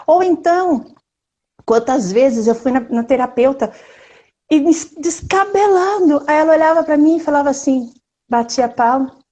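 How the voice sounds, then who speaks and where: A woman with a Brazilian Portuguese accent talking in a casual live stream, expressive and emphatic, speaking straight to her audience. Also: sits high, normal speed.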